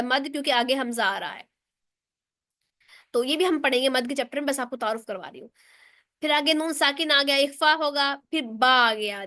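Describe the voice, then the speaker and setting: A woman's voice: high voice, pushed and bright, no echo, studio quality. A woman teaching a recitation lesson online in speech, explaining step by step and answering her own questions.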